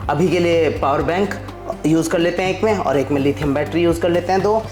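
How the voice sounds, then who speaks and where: Working on a DIY build, this father and vlog host explains his steps in a relaxed, chatty way. His voice sits on the high side and runs a little fast, with clear background music audible.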